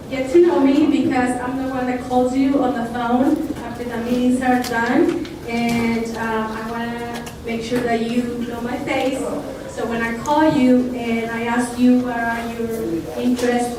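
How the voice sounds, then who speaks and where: Woman broker from Mexico, high voice, relaxed intro speech, far from the mic in a reverberant room. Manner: friendly, unhurried, with fillers. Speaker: real estate broker. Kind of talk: introductory speech at a club meeting. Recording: echoey room, mic at a distance, some noise.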